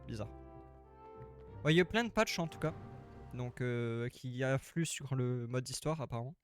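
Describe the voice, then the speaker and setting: Here a man with a mid-range voice and normal pace chats his way through a live game stream, a little tired. His commentary is loose and rambling, full of repetition, with faint game music behind him.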